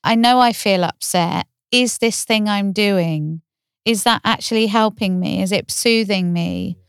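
A woman therapist co-hosting a podcast, talking calmly and reflectively, often explaining through gentle questions. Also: medium pitch, measured pace, clean tone, no room sound, studio quality. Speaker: therapist, co-host. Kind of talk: podcast conversation.

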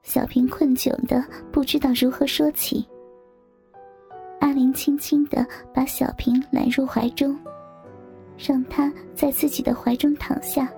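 Woman, high mellow voice, hushed half-whispered narration, soft music behind. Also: level tone, a little slow. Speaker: storyteller. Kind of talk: scripted narration of an erotic story. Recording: faint background music.

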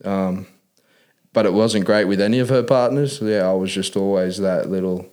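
A man from Australia, speaking low and a little mellow at a moderate pace, shares his life story as a guest in a casual interview. He uses easygoing working-class Aussie slang, peppered with "mate" and "man."

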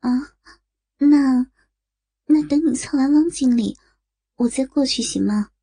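A woman's voice: sits high, measured pace, creaky, warm tone, breathy edge, no room sound, clean studio sound, full character voice. A woman voicing a bold young adult daughter with a playful, teasing manner, in a told story. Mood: hesitant.

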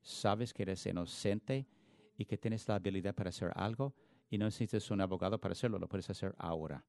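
A man's voice: low-pitched, a little fast, vocal fry, darkish tone, no room sound. A man preaching a sermon in an earnest, emphatic way, often restarting words mid-phrase. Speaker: pastor.

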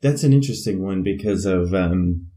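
A man with a low, dark voice and a Canadian accent chats loosely as a podcast co-host at normal speed, frequently dropping in "you know."

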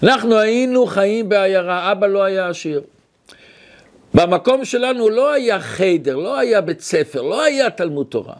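A man's voice: sits high, animated. A man telling as a revered old rabbi. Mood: earnest. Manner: earnest first-person storytelling. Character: revered old rabbi recalling his childhood.

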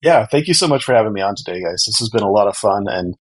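A man's voice: fairly low pitch, expressive, fast talker, slightly rough. A man speaking as an expert podcast guest, explaining things earnestly and conversationally. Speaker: podcast guest, company co-founder.

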